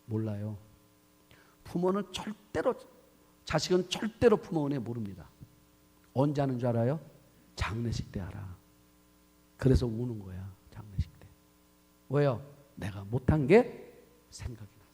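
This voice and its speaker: A man's voice: mid-range voice, expressive, measured pace, pauses often, mellow, slightly rough. A male pastor preaching a sermon, telling a story and acting out its dialogue, often asking the congregation questions. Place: church sanctuary. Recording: long church hall reverb.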